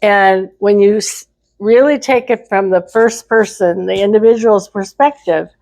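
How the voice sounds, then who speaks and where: An older woman with a medium-pitched voice banters casually with her partner. She speaks hesitantly, working out her thoughts aloud as she goes. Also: measured pace, creaky, a little mellow. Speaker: co-host in a couple's discussion. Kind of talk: casual elderly couple banter.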